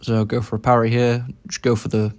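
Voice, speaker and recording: A man's voice: medium pitch, monotone, fairly quick, darkish tone. A young man giving casual commentary over his own game, thinking aloud about each move as he plays.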